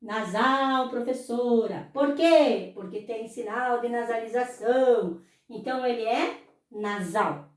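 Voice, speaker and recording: A high-voiced Brazilian woman teaching at an unhurried pace, stretching out words and repeating them. She asks questions and answers them herself. She is heard from well off the mic in a very echoey room. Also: a little mellow, far from the mic. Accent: Brazilian Portuguese. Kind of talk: slow explanatory lesson.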